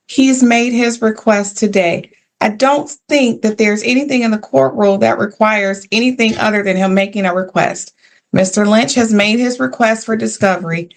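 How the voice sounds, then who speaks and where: Firm female attorney with mid-pitched voice. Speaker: attorney in court. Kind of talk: courtroom argument.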